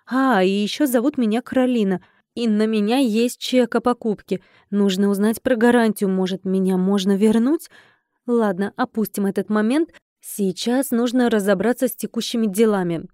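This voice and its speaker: Woman narrator, young adult, first-person audiobook, wry conversational read, mellow tone, dry close sound. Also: mid-range voice, normal speed, no room sound. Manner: wry, conversational inner monologue.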